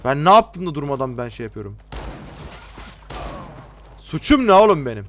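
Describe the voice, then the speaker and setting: A young man with a Turkish accent gives gameplay commentary in a fairly high voice, exasperated and quick to swear at the game. Faint gunfire from the game sits under his voice. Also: big pitch swings, a bit bright, a little hiss or hum. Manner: exasperated, swearing, talks to viewers. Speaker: gaming YouTuber.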